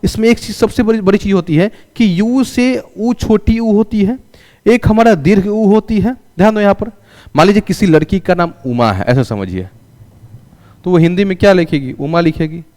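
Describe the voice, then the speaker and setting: A man's voice: sits high, normal speed, a little mellow, in a large hall. A male teacher giving a classroom English lesson, asking questions and answering them himself and having students repeat after him. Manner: calls students "raja".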